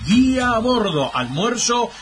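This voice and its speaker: A man's voice: very high voice, very animated, a little slow, a little hiss or hum. A man with an Argentine accent reading live radio ads, stressing and repeating the key details. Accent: Argentine Spanish. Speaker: radio co-host and ad reader. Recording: radio broadcast with music bed.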